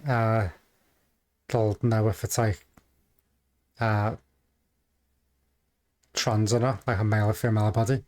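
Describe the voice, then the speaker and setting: A man's voice: on the low side, little pitch movement, darkish tone. Hesitant, rambling man commentating casually. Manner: hesitant, halting, rambling delivery. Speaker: reaction video host.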